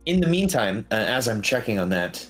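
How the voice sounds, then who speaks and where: A man with a fairly low voice acts as game master of a tabletop session. He narrates casually, with faint music behind him. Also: sing-song, moderate pace, fairly bright tone.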